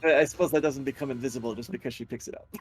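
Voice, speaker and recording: A man's voice: mid-range voice, steady tone, rapid-fire, a little mellow, slightly rough. A man chatting casually as a player in a tabletop role-playing game.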